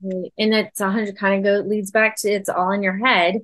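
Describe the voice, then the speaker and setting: A woman's voice: medium pitch, flat delivery, normal speed, fairly bright tone. A woman hosting a podcast, speaking in a casual, affirming way and encouraging her guest. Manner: affirming and encouraging, short backchannels. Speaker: podcast host. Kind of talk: casual conversational interview.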